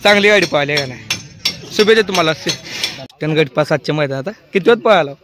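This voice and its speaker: Guy reporting from a cart race, rattling off quick questions, kinda high voice. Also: lively intonation, noisy background. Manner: brisk repetitive questioning, echoes answers. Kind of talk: quick roadside interviews.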